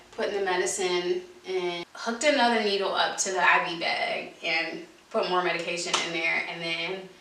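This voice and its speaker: Fairly low in pitch, pushed and bright, this woman vlogger casually recounts a story to camera, emphatic and informal, repeating herself for effect. There's a little hiss or hum, plus roomy echo from a far-off microphone.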